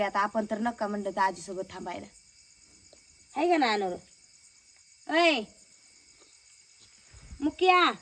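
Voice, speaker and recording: A young village woman talks casually to the camera in a home vlog. Her voice sits high, and she keeps coaxing a small child with chatty, repeated questions. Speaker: village vlogger.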